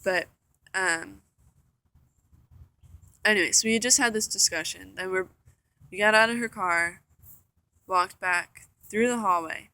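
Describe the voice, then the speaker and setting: A woman's voice: medium pitch, measured pace, long pauses, bright, forceful tone, dry recording. A young woman vlogging from a room, telling a story in a chatty, rambling way full of fillers. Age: young adult. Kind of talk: casual storytelling vlog. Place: indoor room.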